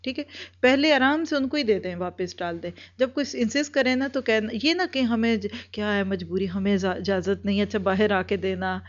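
A woman's voice: mid-range voice, few pauses. A woman in an earnest instructional talk, training group leaders and driving points home with repeated everyday examples. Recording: dull lo-fi recording.

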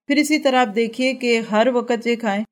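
A woman giving a religious lecture, earnest and full of rhetorical questions to her listeners. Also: fairly high pitch. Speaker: religious teacher.

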